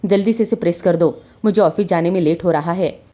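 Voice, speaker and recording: A woman voicing an angry, domineering husband who shouts harsh scolding words. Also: on the low side, brisk, close to an everyday voice.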